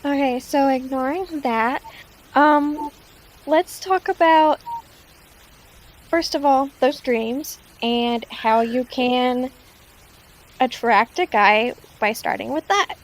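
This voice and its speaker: A woman's voice: high-pitched, slow, long pauses, poor audio. A woman playing a tabletop game, speaking hesitantly with fillers. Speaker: player. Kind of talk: tabletop role-play.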